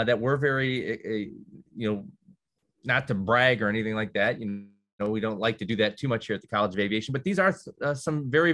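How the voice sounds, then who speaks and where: Man, mid pitch, video call presentation, conversational, fillers and restarts, dry asides. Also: fairly bright tone. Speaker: college aviation representative. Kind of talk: virtual presentation to counselors.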